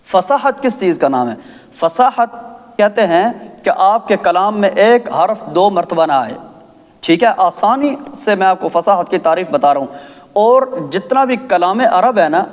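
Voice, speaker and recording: A male Quran recitation teacher with a Pakistani Urdu accent and a fairly high voice, drawing out each word as he demonstrates. He keeps checking that his listeners follow along. His voice carries a long reverb, as if he were in a hall. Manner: drawn-out demonstrations, frequent "theek hai?" checks. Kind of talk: tajweed lesson with chanted recitation.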